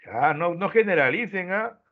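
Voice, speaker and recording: A man teaching an online class, explaining step by step and ending his points with quick checks to his students. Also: high-pitched, animated. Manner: explains step by step, tags lines with "¿no?". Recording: tinny phone-like online audio.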